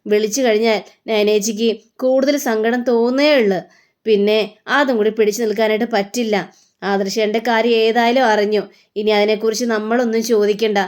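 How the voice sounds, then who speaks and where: A woman's voice: fairly high pitch, fairly even intonation, normal speed, darkish tone, natural voice. A woman voicing a worried young woman, earnestly explaining family troubles. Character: worried young woman reporting bad news.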